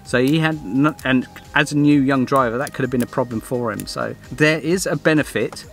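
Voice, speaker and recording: A middle-aged man chats through a gadget review in an ordinary mid-range voice. He rambles a bit and restarts his sentences. Music plays clearly behind him. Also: medium pitch, normal speed. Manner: rambling, restarts often, plain and friendly. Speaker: vlogger reviewing a dash cam. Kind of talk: casual product review.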